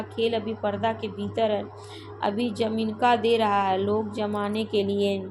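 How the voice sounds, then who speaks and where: A woman teacher reading a Hindi short story aloud for a literature class, steady, with small slips and restarts. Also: on the high side, background noise.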